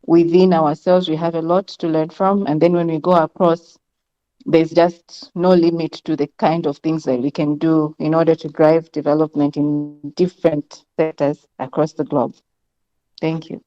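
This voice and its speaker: A woman from Zambia speaking as a panelist in an online discussion, measured and thoughtful with frequent ums. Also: deep voice, little pitch movement, dark tone. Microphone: video call. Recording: muffled lo-fi video call audio.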